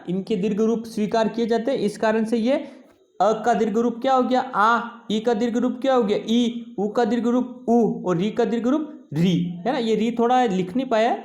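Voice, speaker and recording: A man teaching a Sanskrit lesson, explaining slowly and often checking with "है ना" and "ठीक है". He stretches out vowel sounds to show how long each is held. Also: high-pitched, darkish tone. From India. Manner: slow and explanatory, repeating "है ना" and "ठीक है" to check understanding; draws out vowels to show their length. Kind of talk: classroom lesson.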